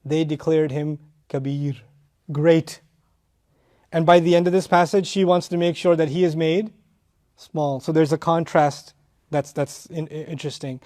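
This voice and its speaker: A man giving a tafsir lecture, explaining Arabic grammar with animated rises in emphasis, on a lapel mic. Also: a little high, unhurried. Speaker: Quran teacher.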